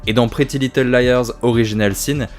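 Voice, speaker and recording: A man's voice: mid-range voice, steady tone, moderate pace, soft background music. A man hosting his own video review, talking casually about horror series with swearing, self-mocking asides and enthusiasm.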